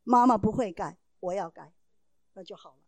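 A woman's voice: mid-range voice, moderate pace, darkish tone, dry recording. A mother giving a talk to parents, telling a family story in an earnest, explaining way and acting out the dialogue in changing voices.

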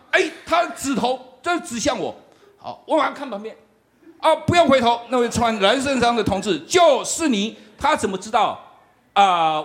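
A middle-aged man, giving a lively, humorous sermon testimony and often laughing as he tells the story. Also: very high-pitched. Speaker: campus ministry worker.

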